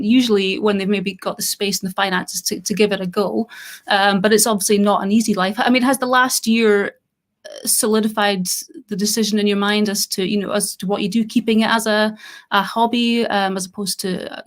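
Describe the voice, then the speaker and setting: Upbeat woman hosting a live stream. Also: medium pitch. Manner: upbeat and welcoming. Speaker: host.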